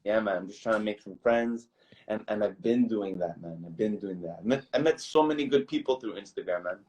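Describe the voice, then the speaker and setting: A man's voice: fairly low pitch, brisk, a little mellow, rough recording. A young man from Toronto, a guest recording artist, chatting in an easygoing, rambling way and calling the host bro and man. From Toronto, Canada. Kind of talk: casual interview chat.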